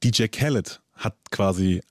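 A man's voice: on the low side, moderate pace, a little mellow, dry recording, clean studio sound. A man hosting a casual interview, easygoing, with short affirming replies. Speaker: interview host.

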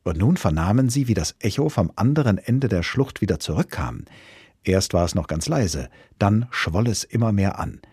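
A man narrating a children's storybook in an expressive, dramatic way. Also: lowish voice, moderate pace, slightly rough, no room sound, studio quality. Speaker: audiobook narrator.

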